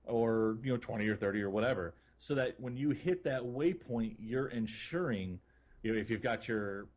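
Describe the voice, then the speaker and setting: Speaking casually as a co-host on a gaming podcast, this man keeps the talk conversational. He has a mid-range, darkish voice and a moderate pace.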